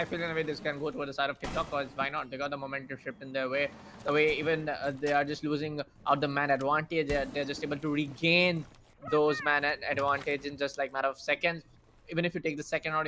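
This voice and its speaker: A man calling a live shooter-game match as play-by-play caster, excitable and quick, with lots of fillers and restarts. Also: on the high side, noisy background. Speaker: esports caster.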